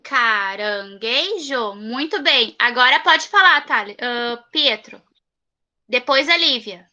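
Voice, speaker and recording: High, bright-voiced Brazilian teacher. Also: female voice, animated, highs cut off. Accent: Brazilian Portuguese. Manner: patient, repeats each answer slowly and praises. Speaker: primary school teacher. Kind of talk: online class with young children. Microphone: computer mic on a video call.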